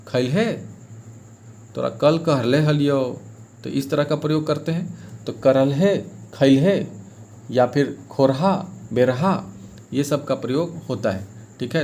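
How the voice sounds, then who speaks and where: A man's voice: mid-range voice, a little mellow, slight background noise. A man teaching an exam-prep grammar lesson, explaining step by step and repeating key points, now and then saying sample phrases in a local dialect.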